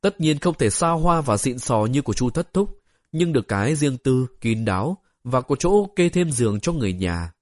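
A man narrating an audiobook story in a steady, even storytelling way. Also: mid-range voice, moderate pace, no echo, clean studio sound.

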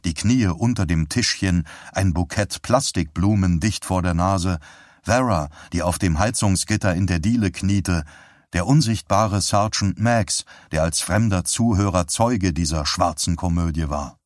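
A man narrating an audiobook in a steady, even storytelling manner. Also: low voice, measured pace, no echo, clean studio sound. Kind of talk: scripted narration.

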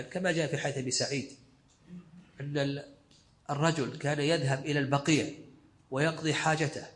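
A male sheikh giving a scholarly lesson commentary, explaining in short, repeated phrases. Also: fairly high pitch. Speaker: sheikh teaching a fiqh text.

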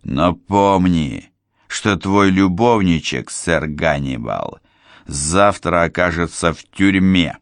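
A man reading an audiobook voices a rude, hot-tempered young estate owner who barks his lines hoarsely. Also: low voice, lively intonation, slow pace, dry recording, clean studio sound, exaggerated voice. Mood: spiteful. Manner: barking, hoarse outbursts. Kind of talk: audiobook character voice.

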